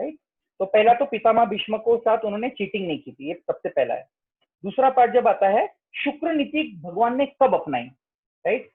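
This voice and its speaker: A man's voice: high voice, breathy edge. A man explaining stories from an ancient epic to a group, checking in often with rhetorical questions. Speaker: spiritual discussion speaker. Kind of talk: explanatory talk on scripture. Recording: tinny phone-like line.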